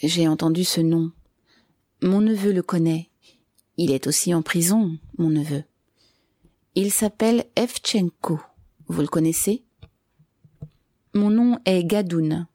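Gadoun, a woman doing a hoarse old man. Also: lowish voice, slow pace, long pauses, mellow, dry recording, clean studio sound. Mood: calm gruff. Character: hoarse old bearded man, placid and grumbling.

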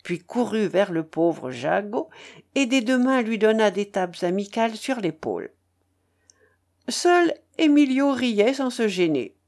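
A woman reading a classic novel aloud as narrator, with expressive, dramatic storytelling. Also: on the high side, unhurried. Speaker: audiobook narrator.

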